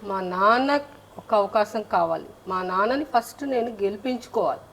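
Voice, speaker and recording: A woman's voice: medium pitch, moderate pace, a bit bright, slight background noise. A woman answering in an interview, firm and plain-spoken. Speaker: interviewee, political aspirant.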